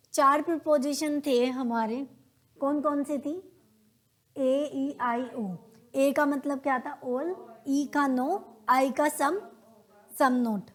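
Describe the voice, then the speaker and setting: A woman with an Indian accent giving a classroom lesson in a high voice, taking her time over every point. She poses questions and answers them herself, now and then acting out little everyday examples. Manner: acts out everyday examples in quoted dialogue. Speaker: teacher. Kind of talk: classroom lecture on logical reasoning.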